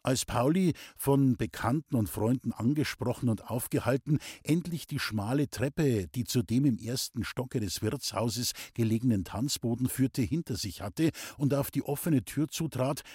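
A man reading a novel aloud as an audiobook narrator, calm and even. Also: mid-range voice, moderate pace, hardly any pauses, husky, no echo, studio quality. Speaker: audiobook reader. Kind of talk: scripted narration.

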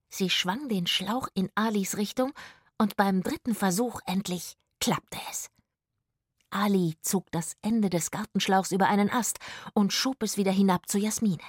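Eine Frau, die ruhig eine Kinderhörgeschichte vorliest. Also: female voice, mid-range voice, no room sound, studio quality. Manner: calm, storytelling. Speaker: narrator. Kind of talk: children's audiobook narration.

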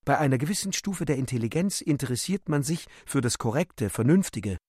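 Husky guy reading lit in a measured way, dry close sound. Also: medium pitch, lively intonation, a little mellow, no echo. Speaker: reader. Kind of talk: literary reading.

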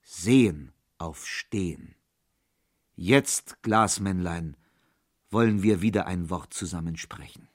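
A man's voice: low voice, takes it slowly, dry recording, studio quality. A man voicing a poor, frightened young charcoal burner who talks in a raised, nervous voice. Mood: resolute. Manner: raised, nervous, trembling bravado.

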